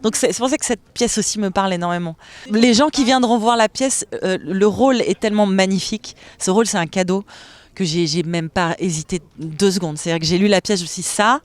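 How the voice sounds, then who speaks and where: A stage actress from France speaking in an interview, enthusiastic and expressive, laughing often between thoughts. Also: female voice, medium pitch, brisk, no room sound.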